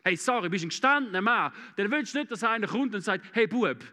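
Swiss German preacher in his thirties, bright high voice, storytelling sermon in a reverberant hall. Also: quick pace. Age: 30s. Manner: animated storytelling, acting out voices.

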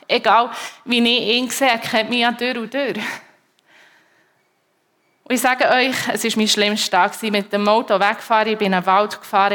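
A woman's voice: mid-range voice, fairly bright tone. Emotional Swiss German woman preacher. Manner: emotional, halting, repeating herself. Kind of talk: personal faith testimony to a congregation.

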